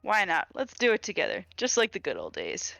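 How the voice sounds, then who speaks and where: A wary, practical male surgeon from a game, spoken plainly and casually, read by a woman at a mid pitch. The sound is dry and close, with no room around it. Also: huge pitch swings, fairly quick, gravelly, sharp tone, dry recording, heavily acted, poor audio. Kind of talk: reading game dialogue aloud.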